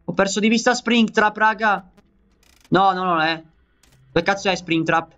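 A man from Italy talks through a game in excitable let's play commentary, often calling out to his viewers. His voice sits high and sounds bright, while his delivery stays unhurried. The recording is dull and lo-fi. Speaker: gaming channel host.

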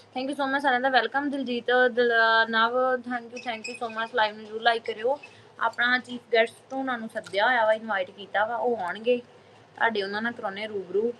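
A woman's voice: on the high side, steady tone, moderate pace, a bit bright, slight background noise, rough recording. A woman hosting a casual live stream on a phone, chatting to viewers, greeting them by name and repeating phrases.

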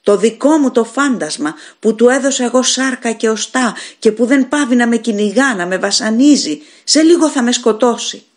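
A woman's voice: on the high side, pitched above the performer's own voice, lightly acted. A woman voicing a sick, dying man haunted by his own ghost, speaking in a breathless, frantic way. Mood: terrified.

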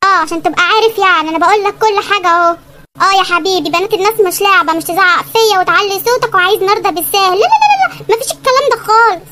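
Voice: lively intonation, very fast, background noise. A stubborn, bossy Egyptian young woman. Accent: Egyptian Arabic. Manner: nagging, stubborn, shrill when pleading. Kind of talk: animated comedy sketch.

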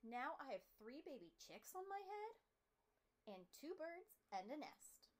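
A woman's voice: high-pitched, sing-song, unhurried, a little hiss or hum, voice pushed up. A woman voicing an anxious, easily flustered elephant in a picture-book read-aloud, emphatic and complaining. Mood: exasperated.

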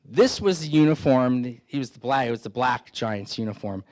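A man's voice: mid-range voice, lively intonation, moderate pace, darkish tone. Middle-aged guy giving a keynote, chatty and self-mocking, lots of restarts, handheld mic indoors. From San Francisco Bay Area. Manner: conversational storytelling, self-deprecating humor, many restarts. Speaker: keynote speaker, FBI agent. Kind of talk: anecdotal keynote talk. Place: indoor meeting hall, standing before an audience. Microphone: handheld microphone.

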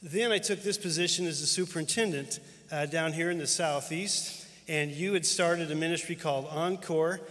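A man's voice: a little high, normal speed, a bit bright. A middle-aged man, a church superintendent, giving an earnest, storytelling tribute to a pastor friend on stage. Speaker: denominational superintendent. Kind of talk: heartfelt tribute speech. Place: large church auditorium with live audience. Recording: long hall reverb.

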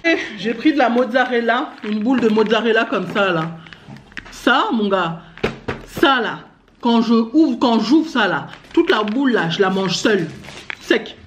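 Expressive and measured, her fairly high voice carries a slangy, informal haul chat. She vlogs for her family from the living room, and the audio has echo, clear noise and clicks.

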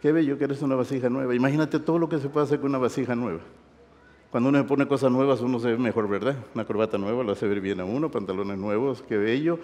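A middle-aged man preaching to university students, animated, swinging from loud exclamations to soft intimate asides. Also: medium pitch, fast talker. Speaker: pastor. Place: large hall. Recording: reverberant hall.

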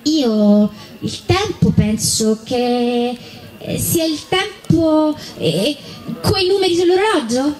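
A woman's voice: on the high side, big pitch swings, fast, dark tone. A woman voicing Ivan, a curious and stubborn six-year-old boy who asks endless questions. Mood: earnest.

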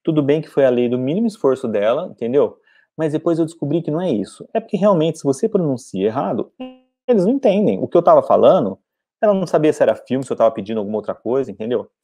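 A man's voice: medium pitch, lively intonation, quick pace, mellow, faint music behind. A man from Brazil, an English teacher, giving a casual spoken lesson and often checking in with "entendeu?". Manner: conversational, often asks "entendeu?".

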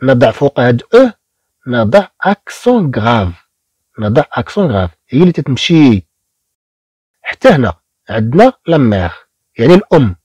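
A man teaches beginner French, breaking words into slow, drawn-out syllables. His voice is mellow and a little husky, with a lively rise and fall. The sound is dry and close. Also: medium pitch, dry recording.

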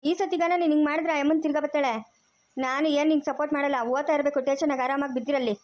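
A woman acting as an older village mother, fretful and sharp-tongued. She rattles her lines off quickly in a high voice, and she talks like a home-made family drama. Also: fairly even intonation, natural voice. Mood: scolding. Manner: scolding, fast and sharp-tongued.

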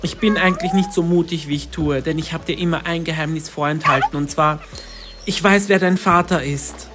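A woman voicing a motherly female cat who speaks gently and reassuringly. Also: deep voice, fairly even intonation, brisk, over loud music, natural voice. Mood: earnest. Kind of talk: storybook role-play.

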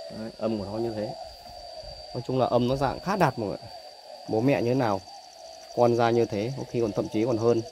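A chatty dove seller shows off his cages while filming with the phone in his hand, his medium-pitched voice dropping "đấy" and similar little tags into every pause. Around him the aviary is noisy with doves cooing loudly, and that bird noise comes through heavily on the phone audio.

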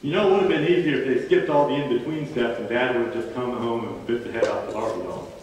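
A man preaching a sermon, telling a story slowly and deliberately with dramatic pauses. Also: mid-range voice, a little mellow, highs cut off. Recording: echoey hall from far off.

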